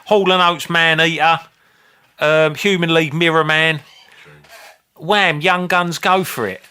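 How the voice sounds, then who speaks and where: A man co-hosting a comedy podcast, chatting in an animated, sweary way. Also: on the high side, unhurried, smooth. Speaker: podcast co-host. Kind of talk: casual comedic banter.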